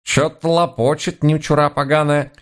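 A man's voice: fairly high pitch, little pitch movement, moderate pace, pitched above the performer's own voice, lightly acted. A man voicing an old woman, a shrewd, grumbling witch housekeeper, in a folksy, sly manner for a storybook. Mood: scornful.

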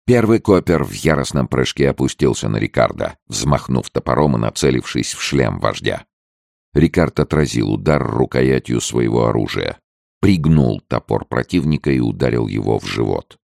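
Very deep, gravelly male narrator. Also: expressive, moderate pace, darkish tone, no echo, studio quality. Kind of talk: audiobook narration.

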